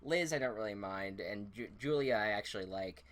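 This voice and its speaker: A man's voice: lowish voice, a little fast. A young man co-hosting a podcast, recapping events in a loose, rambling way with lots of restarts and self-corrections. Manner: animated retelling that acts out quotes. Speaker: podcast co-host. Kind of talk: casual TV show recap.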